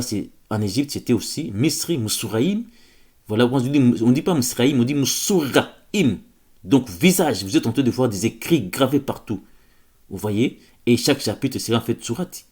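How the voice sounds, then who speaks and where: A man's voice: mid-range voice, a little mellow, husky. A man giving an informal spoken lecture, hesitant, often repeating words and checking that listeners follow. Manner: insistent, stresses key words. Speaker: religious lecturer.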